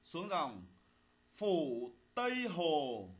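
A man teaching primary school, dictating a spelling lesson slowly, phrase by phrase. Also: fairly high pitch, huge pitch swings. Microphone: voice-over recorded for a slide video.

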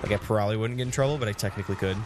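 Low-voiced young man streaming a game. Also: racing, noisy background. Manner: rambling, chatty, talks to his chat. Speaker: Twitch streamer. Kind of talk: casual gaming livestream commentary. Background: game music.

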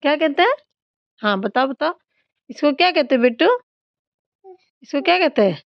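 A woman's voice: high voice, expressive, moderate pace, no echo. A woman quizzing her young daughter on her homework, scolding and teasing by turns. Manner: teasing, questioning, slightly raised voice. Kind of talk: scolding and coaching a child at homework. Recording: slightly dull lo-fi phone audio.

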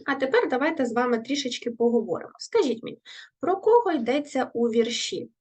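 A woman teaching a recorded lesson to young children, speaking clearly and patiently, asking questions and praising her pupils. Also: a little high, a little mellow. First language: Ukrainian. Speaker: primary school teacher.

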